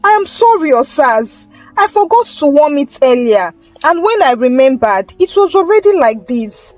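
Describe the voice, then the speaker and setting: A woman's voice: high-pitched, sing-song, moderate pace, a little mellow, no room sound, faint music behind. A woman voicing a careless young wife who speaks in an earnest, pleading way.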